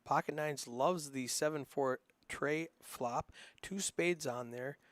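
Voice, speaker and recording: A man's voice: fairly high pitch, slow pace, fairly bright tone, no echo. A man with a northern Minnesota accent giving casual, rambling play-by-play commentary on a live poker stream, with plenty of ums and uhs. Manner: casual, chatty, rambling with frequent fillers.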